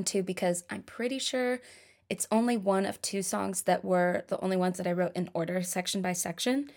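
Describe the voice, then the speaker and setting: Chatty, self-deprecating young woman songwriter. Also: medium pitch. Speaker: singer-songwriter. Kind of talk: casual talk about songwriting.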